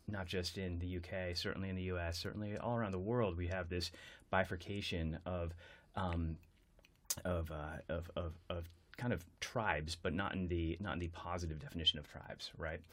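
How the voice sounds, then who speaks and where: Male podcast host, very low voice, earnest, thinks aloud with restarts. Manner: earnest, searching, repeats words while thinking. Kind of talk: conversational interview.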